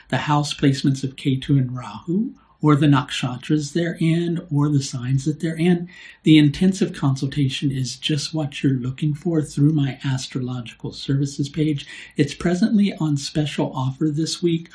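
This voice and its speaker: A man hosting his own astrology video, speaking in a mellow, unhurried voice. He explains at an easy conversational pace, often tagging his points with "right?" and pausing on small fillers. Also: on the high side. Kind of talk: solo explanatory video talk.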